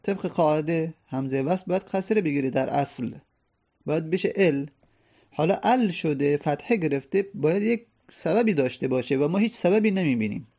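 A man's voice: a little high, lively intonation, darkish tone. A man teaching a grammar lesson, explaining step by step and answering his own questions.

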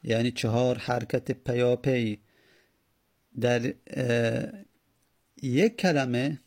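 A man teaching a grammar lesson, explaining slowly and repeating word forms as he spells them out. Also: medium pitch. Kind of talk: Arabic grammar lesson in Persian.

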